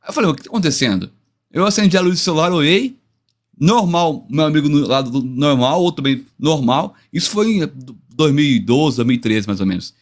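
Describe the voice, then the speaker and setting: Lively Brazilian man telling a story. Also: fairly high pitch, a little fast. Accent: Brazilian Portuguese. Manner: lively storytelling, hesitant restarts. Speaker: guest pastor.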